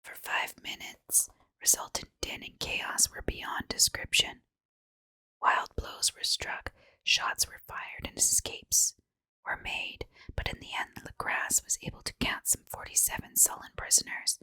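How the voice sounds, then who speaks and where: A woman narrates a horror tale in a soft ASMR whisper with no voiced tone. The sound is very crisp and sibilant, close to the mic in a dry space. Her phrasing is hushed and deliberate. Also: no room sound. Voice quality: breathy, unvoiced whisper. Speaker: ASMR story reader.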